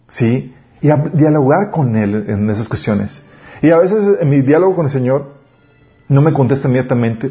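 A man's voice: mid-range voice, dull audio. Conversational man preaching a sermon. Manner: conversational preaching with frequent rhetorical questions. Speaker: pastor.

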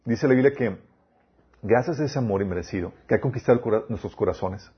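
A man's voice: fairly low pitch, fast, slightly rough, highs cut off. A man preaching a sermon, quoting scripture and asking his listeners rhetorical questions.

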